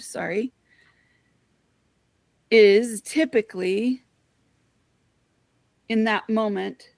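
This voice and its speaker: Woman host, slow earnest spiritual talk, kinda gravelly, dry close sound. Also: mid-range voice, a little mellow, no room sound. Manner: earnest, heartfelt storytelling; addresses listeners as friends.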